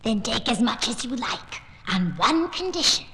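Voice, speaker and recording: Shrill wicked old witch. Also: very animated, normal speed, bright, forceful tone, slight background noise, full character voice. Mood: menacing. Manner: shrill, cackling threats. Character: wicked old female witch, scolding and spiteful. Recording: long hall reverb on vintage record.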